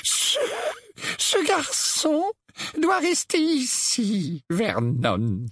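A man voicing a prim, nervous middle-aged aunt with a high, trembling, cutting voice in an audiobook. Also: slow, no echo, clean studio sound. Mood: shaken. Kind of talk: audiobook character voice.

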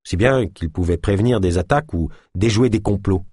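A man narrates a novel with a low, husky voice. His delivery is expressive, with pitch moving widely. The recording is dry and close, with no room sound. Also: a little fast, no room sound. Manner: expressive storytelling. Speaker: audiobook narrator.

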